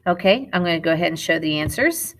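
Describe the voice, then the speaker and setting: A woman's voice: on the low side, animated, fast talker. A middle-aged woman as a Spanish teacher, recording a classroom lesson video, explaining step by step and correcting herself as she goes.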